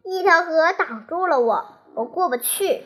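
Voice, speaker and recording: An eager young colt answers in a bright, high, slow storybook voice, as a child storyteller puts him on. He is keen but unsure of himself. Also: expressive, exaggerated voice. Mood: embarrassed.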